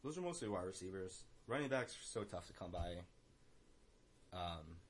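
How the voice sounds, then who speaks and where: A man co-hosting a casual fantasy football talk, relaxed, with short interjections and quick asides. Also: sits low. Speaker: fantasy football podcast co-host. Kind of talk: casual chat.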